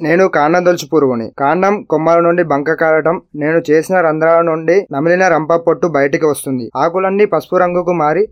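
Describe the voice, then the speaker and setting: A man's voice: fairly high pitch, steady tone, fast talker, hardly any pauses, dry recording, dull audio, natural voice. A man voicing a menacing male stem borer pest that warns a mango tree. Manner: menacing, warning.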